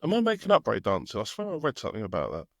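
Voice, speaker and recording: A man's voice: medium pitch, wildly swooping pitch, very fast, vocal fry, dry recording. A man in casual podcast chat, making dry, teasing remarks. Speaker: podcast co-host.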